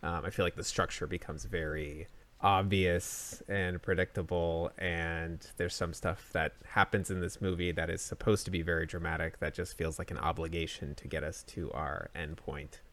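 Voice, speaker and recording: A man with a slightly low voice hosts a casual film discussion. He speaks in a measured, critical way, working out his thoughts aloud. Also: level tone, fairly bright tone. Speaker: podcast host.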